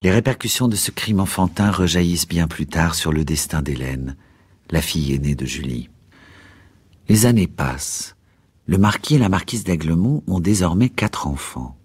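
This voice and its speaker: A man reading a classic novel aloud on the radio, telling the story in a measured, dramatic way. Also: low-pitched, lively intonation, a little mellow, slightly rough.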